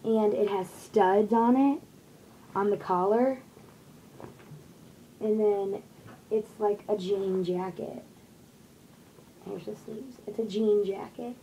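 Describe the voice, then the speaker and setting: A young woman speaks at medium pitch in a warm tone, taking it slowly with long pauses, as she rambles casually about her shopping haul with many fillers. She's in a small bedroom with posters, recorded at close range by a desk webcam, and the rough recording has a little hiss or hum.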